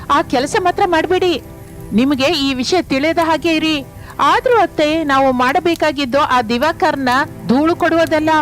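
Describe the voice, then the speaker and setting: A woman as a determined young daughter-in-law. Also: sits high. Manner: earnest, persuasive.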